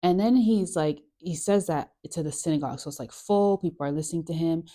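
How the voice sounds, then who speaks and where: A woman's voice: lowish voice, a little fast, warm tone. A woman hosting a casual Bible study chat, chatty and rambling, laughing often with lots of fillers. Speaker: host of a Bible study channel.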